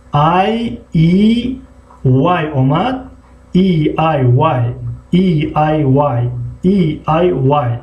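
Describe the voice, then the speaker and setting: A man with a Tajik accent teaching an English lesson, slowly spelling out letters and repeating each word several times for his students. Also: a little high, darkish tone, muffled recording. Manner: slow, repeats words over and over for students. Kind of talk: classroom language lesson.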